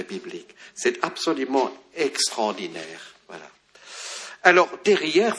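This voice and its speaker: A man's voice: mid-range voice, a bit bright. A man giving a lecture on the Bible, reading passages aloud and explaining them with many fillers and restarts.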